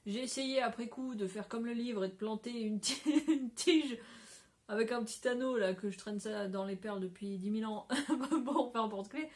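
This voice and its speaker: A woman's voice: fairly high pitch, brisk, few pauses, darkish tone. Woman host of a casual craft vlog; chatty, rambling delivery with frequent laughs, recorded on a phone at home. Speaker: craft podcaster. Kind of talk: casual chat to camera. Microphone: phone camera.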